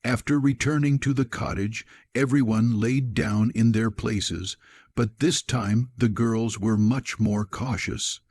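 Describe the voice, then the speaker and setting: A man narrating a scripted story in an even, measured way. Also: mid-range voice, no echo.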